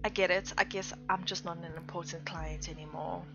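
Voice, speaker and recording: A woman's voice: lowish voice, steady tone, a little fast, natural voice. A woman voicing a bitter, sarcastic young woman who snaps at her partner, her delivery raised and emphatic, on a slightly dull recording with faint music.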